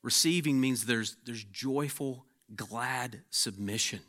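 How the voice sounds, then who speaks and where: A pastor preaches a sermon in a slow, mid-range voice, moving between emphatic peaks and hushed, intense stretches. Now and then he repeats words as he begins a phrase.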